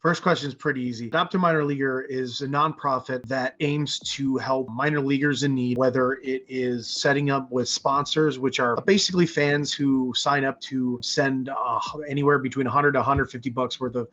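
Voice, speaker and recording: A man's voice: mid-range voice, steady tone, moderate pace, hardly any pauses, a bit bright. Casual man in his forties, lo-fi. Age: 40s. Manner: casual, many fillers and restarts. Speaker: nonprofit founder. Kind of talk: remote interview answers.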